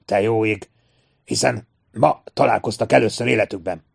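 A man voicing a gruff, grumbling older man who scolds, in an audiobook reading. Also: lowish voice, full character voice. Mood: scolding. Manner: snorting, scolding.

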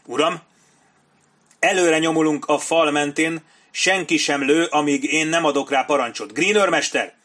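Man voicing a shouting army officer. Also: mid-range voice, husky. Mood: commanding, shouting. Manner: barking short commands. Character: male British army officer commanding troops in battle. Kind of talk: audiobook character voice.

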